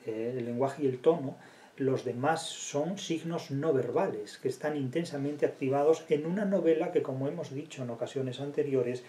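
Guy lecturing on literature, reads bits of a novel out loud, wanders off on tangents and asks himself questions, mellow voice, roomy echo. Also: mid-range voice, normal speed. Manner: digressive, with rhetorical questions and restarts. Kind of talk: academic lecture with read-aloud passages.

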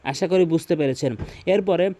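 A man's voice: a little high, normal speed, mellow. A man teaching Quran recitation in Bengali with a Bangladeshi accent, explaining pronunciation rules step by step and repeating key points. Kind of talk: tutorial explanation with recited examples.

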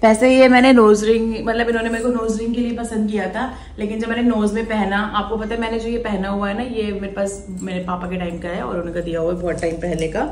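A woman in her thirties chatting casually in a home vlog, talking to viewers and scolding her pets in a high, loud voice. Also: fairly even intonation, fast, hardly any pauses, echoey room, a little hiss or hum. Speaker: vlogger.

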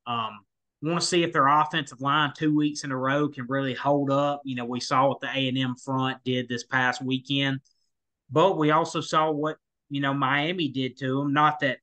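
A man with a medium-pitched, steady, sharp-toned voice speaks at a moderate pace. He co-hosts a college football podcast, and his casual sports talk rambles with lots of fillers and restarts.

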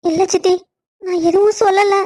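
A woman voicing a timid, tearful young woman in a cartoon story, who pleads softly. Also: very high-pitched, fairly even intonation, normal speed, pitched above the performer's own voice. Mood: pleading. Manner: soft, pleading.

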